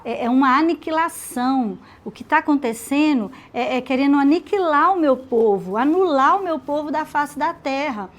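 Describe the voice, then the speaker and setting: A woman teaching a women's Bible study, retelling the story in a lively way with acted dialogue. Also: high-pitched, moderate pace, few pauses.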